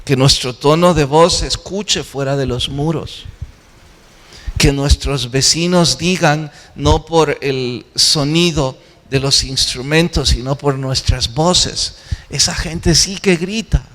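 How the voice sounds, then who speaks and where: A male pastor delivers a sermon at an unhurried, deliberate pace, pressing his congregation with questions he answers himself. His voice rings out with a long reverberant tail, as if recorded in a large church sanctuary. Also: mid-range voice, fairly bright tone. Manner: earnest, exhorting, asks and answers his own questions.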